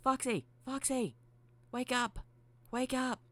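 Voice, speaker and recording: A man's voice: medium pitch, animated, moderate pace, a bit bright, natural voice. A man voicing a hyper, cheerful female robot spirit girl who talks about herself in the third person. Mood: shouting, urgent.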